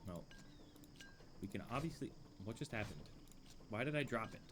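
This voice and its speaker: A man with a lowish voice chats through a game session, musing and dryly amused as he talks to himself. He sits at a home desk microphone and sometimes drifts back from it. A faint hiss of background noise sits under his voice. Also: animated, moderate pace. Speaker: streamer playing a game. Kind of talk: casual gameplay commentary. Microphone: desk microphone, leans away at times.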